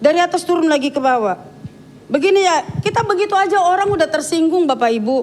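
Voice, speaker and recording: A woman's voice: extremely high pitch, expressive, fast talker, a little hiss or hum. A woman giving a sermon in a church, talking frankly and chattily, with many asides to the congregation. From Dayak. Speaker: preacher.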